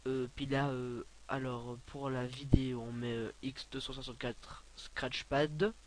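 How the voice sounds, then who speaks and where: A young man giving a casual, rambling software tutorial, filling his talk with hesitations and offhand asides. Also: medium pitch, little pitch movement, measured pace. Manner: rambling, many filler sounds, offhand asides. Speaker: tutorial maker.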